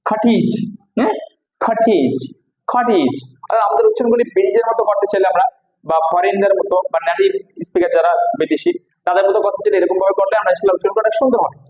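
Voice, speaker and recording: A man with a Bangladeshi accent teaching English pronunciation, repeating each word slowly and quizzing the listener. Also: high-pitched, sing-song, a little mellow, echoey room, slight background noise, low-quality recording. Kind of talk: spoken classroom lesson.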